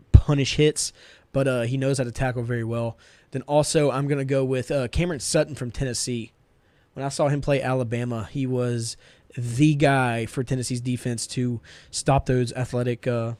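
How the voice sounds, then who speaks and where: A man's voice: medium pitch, darkish tone, no echo. A man co-hosting a casual sports podcast, making confident, upbeat picks and talking through players. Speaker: podcast co-host.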